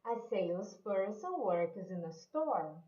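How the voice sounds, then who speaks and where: A woman's voice: medium pitch, very animated, slow pace, mellow, roomy sound, highs cut off. A woman English teacher with a Brazilian Portuguese accent, patiently explaining an online lesson and checking in with "né?" and "ok?".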